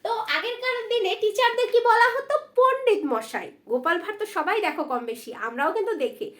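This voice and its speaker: A woman's voice: very high-pitched, animated, fast talker, fairly bright tone, reverberant. A woman teaching a spelling lesson online, spelling out words and asking the class questions over and over. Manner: asks the class questions, repeats words, says "ঠিক আছে?" again and again.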